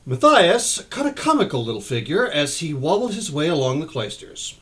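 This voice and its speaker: A man reads a novel aloud, his voice rising and falling with lively expression. He keeps an unhurried storytelling pace and corrects the odd stumbled word as he goes. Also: mid-range voice. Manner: expressive, occasional slips and restarts. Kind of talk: reading a book aloud.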